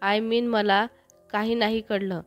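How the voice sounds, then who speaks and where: A woman's voice: mid-range voice, little pitch movement, slow, dry recording, lightly acted. A curious young woman chats casually on the phone, as a woman storyteller voices her. The read is dry and close, with faint music behind.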